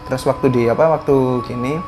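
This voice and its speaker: A man's voice: medium pitch, fairly even intonation, quick pace, music in the background. A man, a guest telling a story in casual talk, hesitant and full of fillers and restarts.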